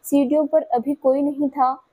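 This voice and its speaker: A woman storyteller giving scripted audio-story narration in a steady, even manner. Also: high-pitched, moderate pace.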